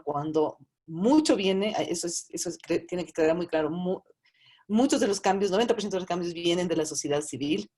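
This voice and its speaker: Low-voiced woman, analytical panelist, restarts often. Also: dark tone, husky. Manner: analytical, many restarts and hedges. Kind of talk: academic panel discussion.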